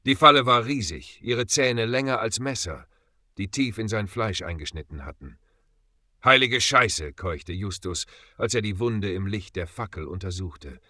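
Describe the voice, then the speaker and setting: A man reading a story aloud as the narrator in a steady, dramatic way. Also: lowish voice, no room sound. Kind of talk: scripted audiobook narration.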